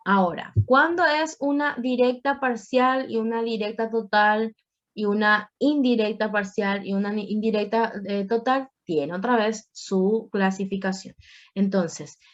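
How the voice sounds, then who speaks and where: A woman's voice: mid-range voice, measured pace, muffled recording. A woman teaching a Spanish grammar class online, explaining patiently with playful asides to her students.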